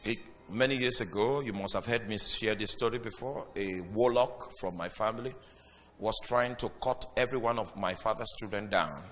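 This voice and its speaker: A man preaching a sermon with dramatic pauses and sudden loud bursts. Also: fairly low pitch. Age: young adult or older. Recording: reverberant hall with music behind.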